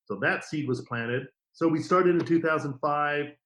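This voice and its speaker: A middle-aged man, a guest on a podcast, telling stories about his career in a casual, lively way and acting out the quotes. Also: on the high side, normal speed, poor audio. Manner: lively anecdotes with acted-out quotes. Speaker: podcast guest, TV formats distributor. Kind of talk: casual interview storytelling.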